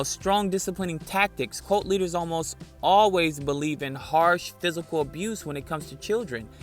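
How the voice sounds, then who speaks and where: A man hosting an online channel, narrating commentary in a steady, assertive way to his viewers. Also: a little high. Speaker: channel host.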